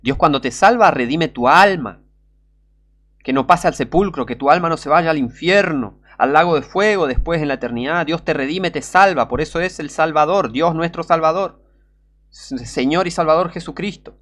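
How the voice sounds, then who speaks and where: A man with a Rioplatense Spanish accent preaching a sermon, urgent and pleading, sometimes breaking into shouts. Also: on the high side, normal speed.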